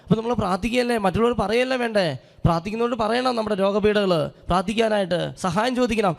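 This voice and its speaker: ഒരു പുരോഹിതൻ ഹാളിന്റെ മുഴക്കത്തിൽ, ഒരു അനുഭവകഥ പറഞ്ഞുകൊണ്ടുള്ള പ്രസംഗം. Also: male voice, high-pitched, very fast, vocal fry. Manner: earnest storytelling, acts out quoted speech. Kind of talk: sermon with a personal story. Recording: long hall reverb.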